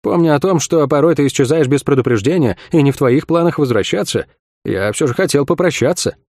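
A man voicing a friendly, easygoing young male acrobat in an audiobook, speaking gently. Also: on the high side, animated, fairly quick, no room sound, studio quality. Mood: calm.

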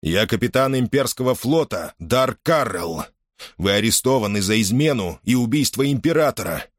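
A man's voice: medium pitch, animated, normal speed, no room sound, clean studio sound, pitched above the performer's own voice, natural voice. Stern young imperial captain, read by a man. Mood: stern accusing. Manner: harsh, accusing, formal. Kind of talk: audiobook character voice.

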